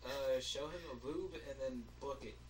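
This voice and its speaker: A man's voice: medium pitch, moderate pace, slight background noise. A man giving casual, mocking, wisecracking commentary on a video game. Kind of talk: casual Let's Play banter. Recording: distant mic over game music.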